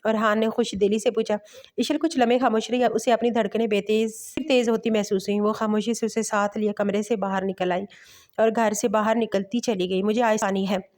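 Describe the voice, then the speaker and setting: A woman storyteller narrating a romantic novel in steady bedtime-story reading. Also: mid-range voice, moderate pace.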